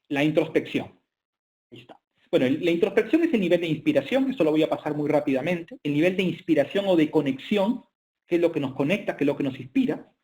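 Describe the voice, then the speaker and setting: A man's voice: a little high, a little mellow. A man giving an online business lecture with slides, speaking hesitantly with frequent filler sounds.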